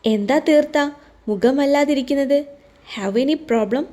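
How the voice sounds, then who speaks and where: A woman's voice: high-pitched, slow, warm tone, pitched above the performer's own voice. A woman voicing a male office manager who speaks in a concerned, businesslike way.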